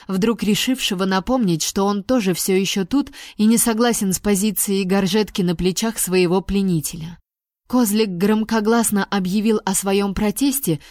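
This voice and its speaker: A woman reading a first-person fantasy audiobook with lively, expressive storytelling. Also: medium pitch, no echo, clean studio sound. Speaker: audiobook reader.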